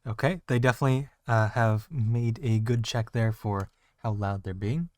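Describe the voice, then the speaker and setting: A man running a tabletop game as game master, describing the scene with many pauses and fillers. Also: medium pitch, fairly even intonation, darkish tone, no room sound. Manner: hesitant, lots of fillers.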